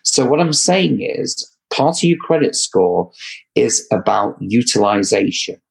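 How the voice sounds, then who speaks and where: A man's voice: fairly low pitch, animated, unhurried, creaky, breathy edge, low-quality recording. A man with an English accent, a credit repair business owner giving earnest, repetitive advice in a casual chat. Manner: earnest, advising, repeats for emphasis. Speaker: credit repair company guest.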